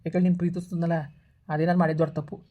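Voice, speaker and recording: A woman's voice: fairly low pitch, level tone, very fast, phone-quality sound, close to an everyday voice. A woman playing a careless young man who brushes off his girlfriend's calls with mocking irritation in a village comedy skit. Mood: irritated, mocking.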